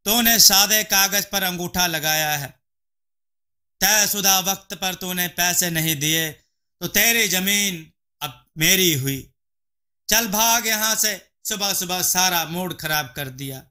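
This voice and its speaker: A haughty, harsh landlord barks at his poor tenants and his servant, as a man puts him on. The voice sits high and cutting, with a slow, deliberate scolding delivery. It is a storybook villain full of contempt. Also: bright, forceful tone, exaggerated voice. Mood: scornful. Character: arrogant, harsh rich male landlord.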